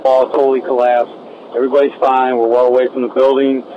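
A man's voice: medium pitch, flat delivery, fast. A man reporting what he sees to his chief as a firefighter, in urgent messages over two-way radio. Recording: dull radio with faint noise.

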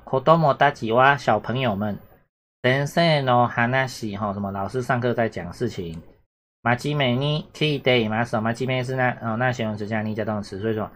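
A man talks through an exam-prep lesson in a loose, chatty way, often repeating himself and checking whether students follow. His voice sits at an ordinary middle pitch. Faint keyboard clicks can be heard in the background. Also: a little hiss or hum. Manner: chatty, repetitive, asks "懂哈？有没有？" often. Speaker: Japanese teacher.

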